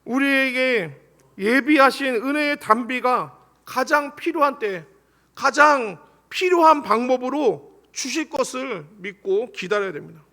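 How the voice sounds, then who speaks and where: A male pastor delivers an earnest sermon in a church sanctuary. His voice sits very high for a man and rings bright and forceful. He leads the congregation through scripture readings. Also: animated, measured pace.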